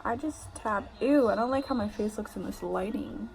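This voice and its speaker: A woman's voice: medium pitch, moderate pace, gravelly, a little mellow. A young woman giving a casual makeup tutorial, rambling in a loose, slangy, drunk way. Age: young adult. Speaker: makeup vlogger. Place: living room at home, indoors. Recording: noisy home room recording.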